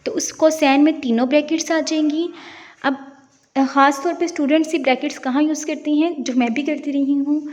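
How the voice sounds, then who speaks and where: High-voiced young woman teaching, echoey. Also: fairly even intonation, a little fast, darkish tone. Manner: explains step by step with examples. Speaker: teacher and channel host. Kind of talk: Urdu writing lesson.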